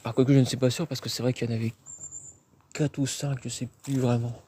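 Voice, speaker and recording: A man talks casually into a handheld phone as he explores outdoors. His voice is dark and mellow, and he thinks aloud with frequent hesitations. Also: medium pitch, little pitch movement, a little fast, husky. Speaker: urban explorer live-streaming. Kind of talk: live-stream exploration commentary. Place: outdoors at an abandoned industrial site.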